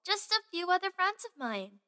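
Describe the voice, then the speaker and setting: Heavily acted and at a moderate pace, an actress's high, expressive voice brings to life a young palace woman who adores gossip in a fantasy audio drama. She is excitable and chatty with a theatrical delivery, sounding confiding and insistent.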